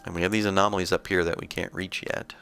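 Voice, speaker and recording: Low-voiced man, gravelly, bright edge, casual game commentary, thinking aloud. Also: fast talker, faint music behind. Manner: relaxed, explanatory, thinking aloud. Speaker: gameplay commentator.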